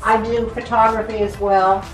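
A woman's voice: mid-range voice, little pitch movement, normal speed, soft background music, poor audio. A woman in her seventies, a homeowner and artist, chatting cheerfully and laughing as she shows her home and garden. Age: 70s. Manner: cheerful, laughs often, short pointing remarks. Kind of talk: casual chat on a home tour. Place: house and backyard patio, outdoors.

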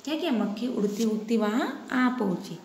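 A woman's voice: on the high side, expressive, moderate pace, a little mellow. A woman Hindi teacher giving a lesson, explaining step by step and repeating questions to the children. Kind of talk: online class lesson. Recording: echoey room with faint hiss.

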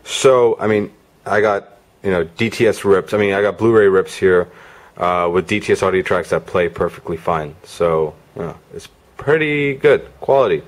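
A man with a low voice, speaking at normal speed, does an informal hands-on gadget demo as a product reviewer. Music from demo videos on a player can be heard in the background.

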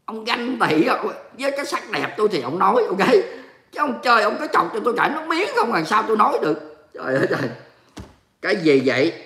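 Male livestream host from Vietnam, high and bright, teasing chatter in an echoey room. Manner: playful, mock-indignant banter with viewers. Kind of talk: casual livestream chat reading comments. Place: home, living in Texas.

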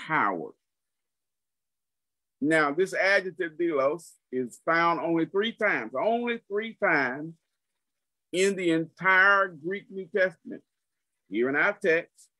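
Guy preaching real slow, repeats himself a lot, dry close sound. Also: mid-range voice, a bit bright, no room sound, low-quality recording. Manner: slow, deliberate teaching with repeated phrases. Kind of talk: sermon.

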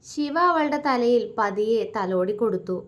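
A woman storyteller reading a romance serial in a soft, even narrating voice. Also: fairly high pitch, a little slow.

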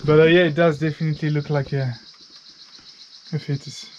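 Chatty male travel vlogger, slightly high voice. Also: level tone, a little fast, highs cut off. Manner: informal, chatty, occasional swearing. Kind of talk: casual vlog commentary. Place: outdoors on forest walking paths. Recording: outdoor ambience noise.

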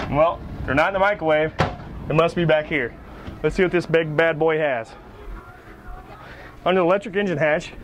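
A man's voice: a little high, a little hiss or hum. A man hosting a boat dealer's video, giving an upbeat, salesy walkthrough of a boat. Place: outdoors at a marina on a boat.

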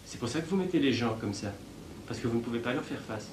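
A young man confronting his analyst in a heated argument, provocative, swinging between raised voice and hushed tones, caught on a portable tape recorder in an office. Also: mid-range voice, expressive, quick pace, slight background noise. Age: young adult. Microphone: hidden portable tape recorder.

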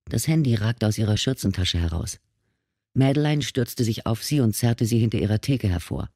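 A man narrating an audiobook in a steady, measured reading. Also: fairly low pitch, dry recording, clean studio sound. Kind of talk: scripted narration.

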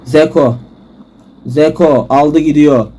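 A man giving frustrated gameplay commentary, swearing and shouting at the game. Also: fairly high pitch, steady tone, takes it slowly, husky. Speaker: gaming YouTuber. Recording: music loud behind voice.

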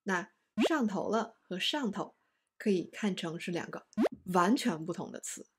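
A woman teaching an online language lesson, explaining words slowly and stressing each example. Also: lowish voice, expressive, husky.

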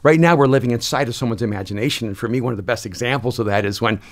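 Close to a studio mic on a boom in a dark podcast studio, the guest, a pastor and author born in El Salvador and now in his sixties, reflects through conversational storytelling. His mid-range voice comes in quick bursts that slow down for emphasis, and he is expansive, gesturing a lot.

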